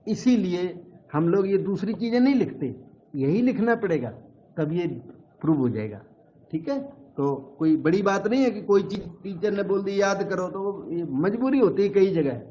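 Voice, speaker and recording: A man's voice: sits high, lively intonation, normal speed, warm tone, highs cut off. A man teaching a maths lecture at the board, explaining each step patiently and repeating key terms.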